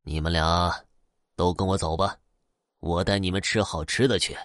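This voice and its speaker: A man's voice: sits low, fairly even intonation, fairly bright tone, no room sound, studio quality. Man doing a sly old weasel spirit. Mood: coaxing. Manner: coaxing, slow, turning menacing.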